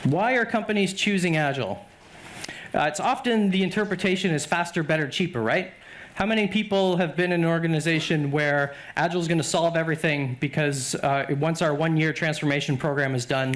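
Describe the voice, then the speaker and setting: Man, middle-aged, keynote speaker, chatty, quizzes the crowd, a touch high-pitched. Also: a little fast. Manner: conversational, asks the audience questions. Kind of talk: conference keynote talk. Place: conference hall with live audience.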